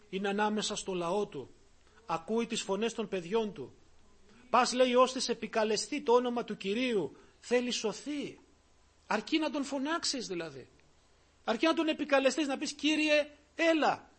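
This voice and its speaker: A man preaching a sermon in an impassioned way, swinging between loud calls and low murmurs. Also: breathy edge.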